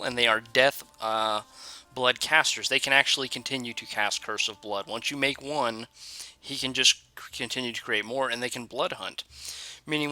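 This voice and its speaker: Bright-voiced man rambling over gameplay. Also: mid-range voice. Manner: rambling, self-correcting, thinks aloud. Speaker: let's play host. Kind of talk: casual gameplay commentary.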